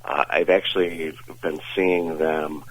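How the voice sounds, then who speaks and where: A man, a guest co-host chatting casually and pausing often with "uh". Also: extremely low pitch, fairly even intonation, rough recording. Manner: halting, many "uh" pauses. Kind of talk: casual interview chat.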